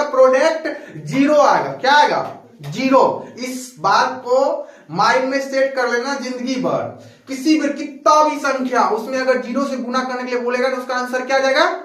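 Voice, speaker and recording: A man's voice: very high-pitched, fairly bright tone. A male math teacher in a classroom, asking students questions over and over and checking that they understood. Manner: repetitive call-and-response, keeps checking if students understood. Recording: very echoey classroom, distant mic.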